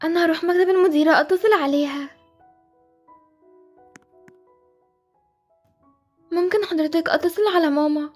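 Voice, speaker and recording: A high, quick voice: a woman plays an earnest Egyptian schoolgirl, sweet and hopeful, newly arrived in a children's home in an animated game story. She speaks fast and pleads softly, always steady in her hope. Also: soft background music. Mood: anxious. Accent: Egyptian Arabic.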